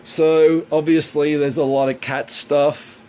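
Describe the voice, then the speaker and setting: A man with a fairly high, mellow voice and little pitch movement talks slowly on a low-quality recording. He is a live streamer from Hong Kong, raised in Australia, cooking at a hot stove in his home kitchen. He chats and rambles casually while taking viewer questions.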